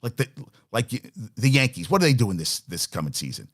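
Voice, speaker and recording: A man's voice: mid-range voice, big pitch swings, brisk, husky. A man hosting a sports talk show, ranting bluntly and profanely with opinionated swings. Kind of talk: casual opinionated sports rant.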